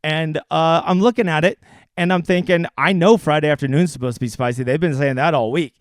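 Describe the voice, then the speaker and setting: A man's voice: a little high, dry recording. A man casually breaking down fantasy golf picks on a livestream, crude and joking. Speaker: fantasy sports analyst.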